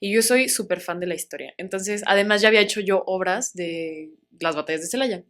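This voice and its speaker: This is a young woman with a Mexican accent, a guest in a relaxed interview. She tells her story in a lively way and slips into the voices of the people she quotes. Her voice sits at an ordinary middle pitch. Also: fairly quick. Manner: animated, acts out quoted voices, laughs often.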